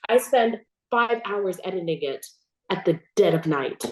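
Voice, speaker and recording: A teenage girl hosting a casual interview, telling stories in an animated way and laughing often. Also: fairly low pitch, a little slow, roomy sound. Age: teens. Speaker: host. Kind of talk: casual chat.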